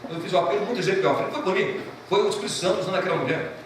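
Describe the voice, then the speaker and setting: A man preaching in a fairly high voice, passionate and moved, his words swelling with conviction. He is captured from a distance in a very reverberant church. Steady background noise sits under his voice. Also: very fast. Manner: impassioned preaching, emotional storytelling. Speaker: pastor. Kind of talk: sermon. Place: church sanctuary. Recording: echoey church from a distant mic, noisy.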